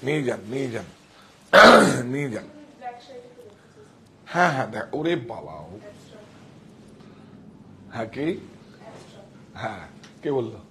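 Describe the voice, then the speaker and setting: A man showing sarees in a live sales pitch, talking excitedly, repeating himself and directing helpers. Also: takes it slowly, creaky, pauses often. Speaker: saree shop seller.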